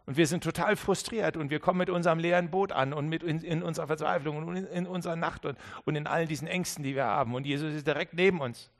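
A man preaching a sermon to a congregation, emphatic, dropping to quiet low asides and repeating key phrases for weight. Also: fast, few pauses. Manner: emphatic, swings between loud stresses and quiet low asides. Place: church service with an audience.

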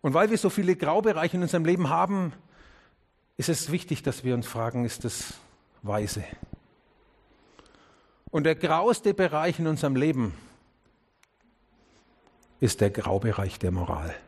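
A man delivers a sermon to his congregation, his voice sitting a little higher than most. He speaks earnestly, putting questions straight to his listeners. He sinks low and soft on key words and lifts his voice when he urges them on. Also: lively intonation, a little slow, pauses often, slightly rough. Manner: drops low and quiet on key words, rises when urging. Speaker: pastor.

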